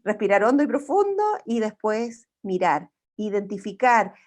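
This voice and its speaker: A woman's voice: mid-range voice, sing-song, normal speed, a little mellow. A woman, a psychologist giving an online parenting talk over a video call, explaining step by step with frequent rhetorical tag questions. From Chile.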